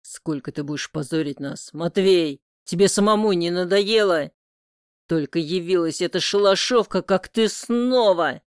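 An audiobook reader voicing a stern rural father, an older man quick to anger, loud and blunt when he scolds his son. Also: medium pitch, fairly even intonation, no echo, clean studio sound. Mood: angry. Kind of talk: audiobook character voice.

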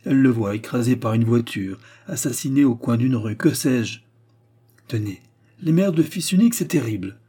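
A man voicing a proud, talkative forest warden, bright and eager in the reading of a novel. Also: mid-range voice, animated, moderate pace, slightly rough. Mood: chatty.

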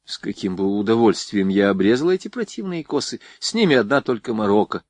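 A man's voice: on the low side, expressive, fast, darkish tone, dry recording. A man reading an audiobook, voicing a spirited, headstrong young woman who orders people about and teases them. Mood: headstrong, bossy. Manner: bossy and teasing.

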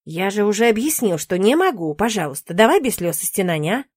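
A woman's voice: mid-range voice, sing-song, fairly quick, slightly rough, dry recording, clean studio sound. A woman voicing a playful, teasing young male demon in an audiobook, in a cheeky, bantering manner.

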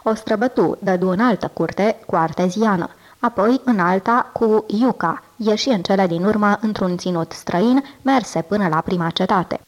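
A woman reading a literary tale aloud in a deliberate, expressive manner, slowing words for emphasis. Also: mid-range voice. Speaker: audiobook reader. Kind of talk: scripted literary narration.

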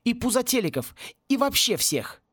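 A man reading an audiobook and voicing an eager, hurried young schoolboy wizard. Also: very high voice, big pitch swings, fairly bright tone, slightly rough, dry recording, studio quality, voice pushed up, exaggerated voice.

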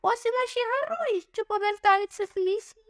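A woman voicing a sly, mocking female villain in a storybook reading, with a shrill, taunting delivery. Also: expressive, normal speed, no echo, studio quality.

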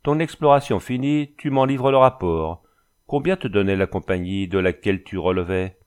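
Reading from a storybook, a man with a low, clean voice at normal speed lightly acts out a tall, cold bandit chief. He gives the chief a Flemish accent and a smiling, sing-song, commanding delivery that feels coolly threatening.

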